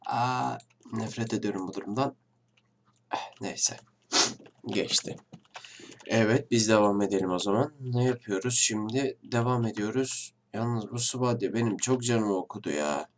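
A man's voice: fairly low pitch, unhurried, slight background noise. A man hosting a casual let's-play, chatting to viewers at a desk mic and trading mock-tough banter, with a blocked nose. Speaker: gaming channel host. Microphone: desk microphone. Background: faint game music and keyboard clicks.

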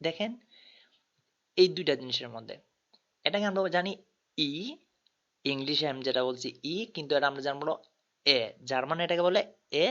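A man's voice: a little high, moderate pace, pauses often, a bit bright. A man teaching a tutorial, patiently spelling out letters one by one. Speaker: language tutor. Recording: dull lo-fi recording.

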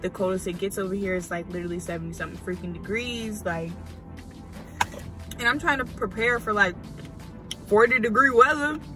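Over music, a twentysomething American woman chats in a vlog from inside a parked car and at home. She speaks briskly at a medium pitch with long pauses, keeping things informal and slangy with animated asides.

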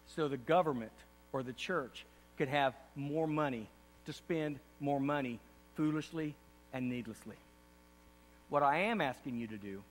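A middle-aged man, a pastor, giving an earnest state-of-the-church address from a podium on a large auditorium stage, rising to impassioned emphasis. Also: mid-range voice. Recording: distant reverberant hall with faint hum.

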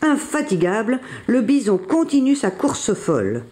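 A storyteller reading a children's picture book aloud with gentle, expressive narration. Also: mid-range voice, measured pace.

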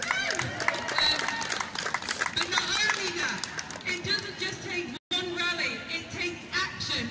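A woman, a campaign organiser, giving a forceful, urgent speech at a protest rally. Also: very high voice. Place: outdoor square before a large stone building. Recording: distant, echoey, loud crowd and music. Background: crowd and music.

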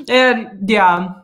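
A woman co-hosting a book club, chatting casually with frequent laughter and quick asides. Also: on the high side, a bit bright.

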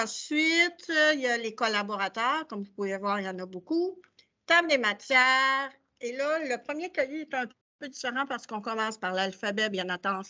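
Bright-voiced Québécois woman teacher, lo-fi. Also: a little high. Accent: Québécois French. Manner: explains step by step while paging through documents. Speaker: adult literacy teacher. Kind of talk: presenting teaching materials to colleagues.

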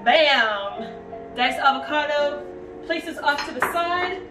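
Taking it slowly, a young adult woman with a high-pitched, expressive voice demonstrates casual home cooking in her kitchen. Background music plays, and the distant mic picks up a roomy echo.

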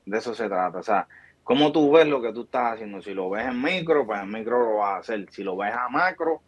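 This interview guest, a barbershop founder in his thirties with a Puerto Rican Spanish accent, comes from Puerto Rico and joins by video call. His lowish voice is expressive and fairly quick, and his motivational talk is emphatic and preachy, with hand gestures. Recorded on a webcam in a small indoor room, the sound is dry, dull, and lo-fi.

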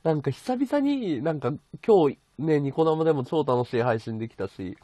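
A man's voice: a little high, very animated, normal speed, dark tone, no room sound. A man hosting a casual livestream from his bedroom, chatting and thanking his viewers as he reads their comments. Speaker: livestream host. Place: bedroom at home.

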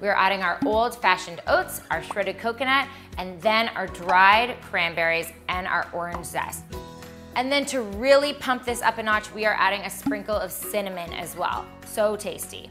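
A woman's voice: mid-range voice, normal speed, over music. A woman guest cook giving an upbeat, step-by-step demonstration in a home kitchen. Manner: upbeat, explaining each step. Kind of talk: casual cooking demonstration.

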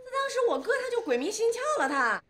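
A woman's voice: extremely high pitch, very animated, fast talker. An actress playing a young woman home on leave, blunt and exasperated with her family. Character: young woman, sharp-tongued aunt. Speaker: daughter and aunt home on leave. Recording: echoey room with background noise.

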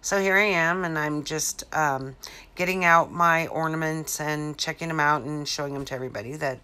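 A woman in her fifties, a craft vlogger, chats casually through a home DIY tutorial in her living room, rambling with lots of fillers and restarts. Her voice sits low with fairly even intonation at a normal speed. The tone is bright, forceful, clear and resonant.

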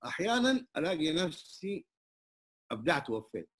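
A man's voice: fairly high pitch, sing-song, brisk, fairly bright tone, breathy edge. An older man with a Hijazi Arabic accent speaking in an open conversation at a community hall, humble and emphatic, with many religious phrases. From Saudi Arabia. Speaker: interviewee, traditional singer and muezzin.

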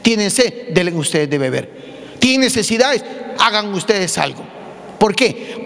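Pastor preaching a humorous sermon; high, raspy-edged male voice, big reverberant sanctuary. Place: church sanctuary. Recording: long church hall reverb.

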